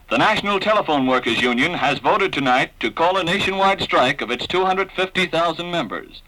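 Man, news announcer, old newsreel-style bulletin, bright forceful voice, crisp formal delivery. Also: fairly high pitch, rough recording.

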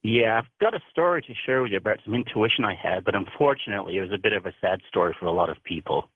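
A man's voice: on the low side, racing, no room sound. A man from Canada calling in to a radio show and earnestly telling a personal story. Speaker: caller. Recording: husky voice over a phone line.

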